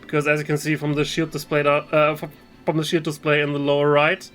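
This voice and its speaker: Dude talking through his space game, kinda high voice, stumbles and repeats a lot, music going behind. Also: completely flat delivery, brisk, fairly bright tone. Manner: rambling, hesitant, many restarts and fillers. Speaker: gaming video host. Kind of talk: casual gameplay commentary.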